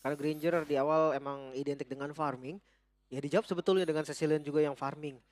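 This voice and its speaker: A man's voice: fairly high pitch, steady tone, fast. A man giving casual, analytical esports caster commentary. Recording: noisy commentary with event ambience. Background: noise and ambience.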